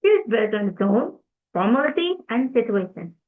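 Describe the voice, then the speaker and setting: A woman's voice: on the high side, big pitch swings. Young woman reading, tinny. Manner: careful, deliberate read-aloud delivery with self-corrections. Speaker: student presenter. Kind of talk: read-aloud class presentation. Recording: tinny phone-like recording.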